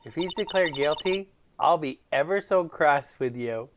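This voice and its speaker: A man's voice: a little high, lively intonation, measured pace, voice pushed down. A man voicing a flirty, doting woman who speaks sweetly but pushily, in a game played on stream. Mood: sweetly threatening.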